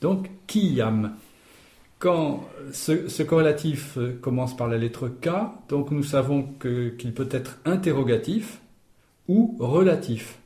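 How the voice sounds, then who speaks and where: A man's voice: medium pitch, lively intonation, slow pace, warm tone, echoey room. A man teaching a language lesson, explaining grammar patiently step by step. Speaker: Esperanto teacher.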